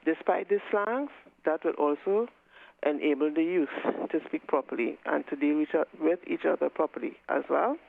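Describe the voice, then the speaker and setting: A man calling in to a radio panel, speaking earnestly with measured pauses between phrases. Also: on the high side, gravelly. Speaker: caller. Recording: tinny phone line.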